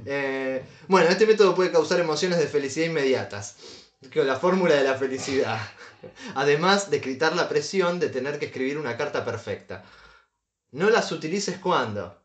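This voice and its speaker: A man's voice: a little high, animated, normal speed, roomy sound. A man co-hosting a casual comedic podcast, reading advice aloud with dry asides and chuckles. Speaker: podcast co-host.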